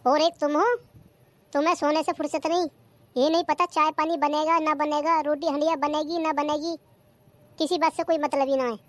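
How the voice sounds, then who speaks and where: A performer doing a squeaky, nagging old village mother-in-law. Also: level tone, normal speed, dry recording, natural voice. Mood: scolding. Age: older. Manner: nagging, taunting, complains about the old days. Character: scolding old village mother-in-law, bossy and sharp-tongued. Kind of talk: cartoon comedy skit.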